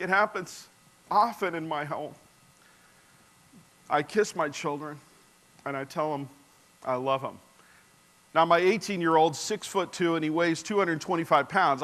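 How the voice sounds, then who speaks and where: An earnest man in his forties with a bright, fairly high voice tells a storytelling sermon to a congregation. He engages the audience directly and drops to a soft hush for tender moments.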